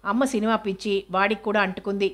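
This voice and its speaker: Woman doing a gentle teenage student girl, soft mild way of talking, worried, flat pitch. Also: fast, lightly acted.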